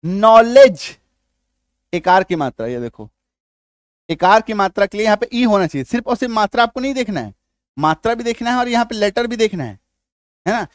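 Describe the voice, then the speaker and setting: Man, high voice, patient teacher, keeps asking if you follow, dry close sound. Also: big pitch swings, fairly quick, dry recording. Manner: repeats checks like "ठीक है?" and "आया समझ में?" often; patient, step-by-step explaining. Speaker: English teacher. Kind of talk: spoken spelling lesson.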